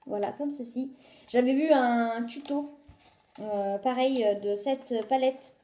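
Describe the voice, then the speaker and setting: A woman's voice: a little high, fairly even intonation, takes it slowly, warm tone, reverberant. A woman chatting casually through a shopping haul video filmed on a phone at home, with many fillers as she lists prices. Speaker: vlogger showing a shopping haul.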